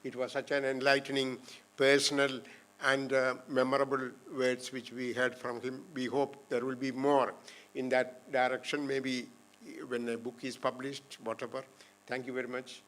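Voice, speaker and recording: Flat-voiced man chairing a panel. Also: medium pitch. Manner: halting, with many fillers. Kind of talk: introducing speakers. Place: lecture hall.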